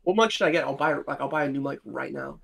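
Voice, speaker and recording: A man's voice: mid-range voice, fast, creaky, a bit bright, slightly rough. A man chatting casually, his voice echoing like an empty warehouse, from some distance off a USB desk mic. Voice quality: echoey, as if in a large empty room. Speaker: livestream co-host. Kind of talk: casual chat, mic testing. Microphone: USB desk microphone, spoken from a distance. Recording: roomy echo, far from mic.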